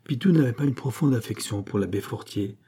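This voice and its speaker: A man reads a classic novel aloud in a calm, measured narration. His voice is mellow and warm with a husky edge. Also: mid-range voice. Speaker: audiobook narrator. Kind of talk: scripted narration.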